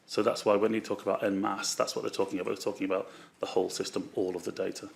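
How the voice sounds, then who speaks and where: A man testifying as a witness at a public inquiry, his voice worn from flu, halting with many fillers and restarts. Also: fairly low pitch, flat delivery, vocal fry. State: voice going from flu. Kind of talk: formal testimony.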